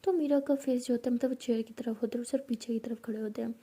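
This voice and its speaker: A woman tells a story casually, half-whispering much of it. Her voice is husky and very dark in tone, though it sits fairly high. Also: fairly even intonation, fast.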